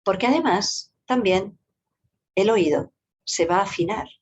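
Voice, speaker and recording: A woman, a psychologist and yoga teacher, explaining a topic in a talk with lively, varied intonation and playful vocal demonstrations. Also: mid-range voice, unhurried, a little hiss or hum. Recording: dull lo-fi recording.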